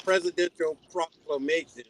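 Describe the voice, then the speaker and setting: A man calling in over a connection that breaks up and cuts out, his words halting and repeated through the dropouts. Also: a little high, steady tone. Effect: call audio breaking up and cutting out.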